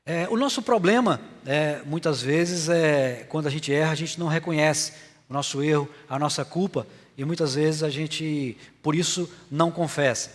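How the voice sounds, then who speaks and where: A Brazilian man preaches a sermon with a fairly high voice, his words trailing off into a long church-hall reverb. He speaks earnestly but haltingly, pausing often to fill gaps before pressing his point. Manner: earnest, halting delivery with frequent filler pauses. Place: church sanctuary.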